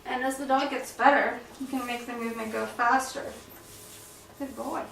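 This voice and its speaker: High bright woman training a dog. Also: a little fast, vocal fry, slight background noise. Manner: calm explaining, soft praise to the dog. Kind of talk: instructional demonstration. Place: indoors in a house. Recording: roomy sound from a distance.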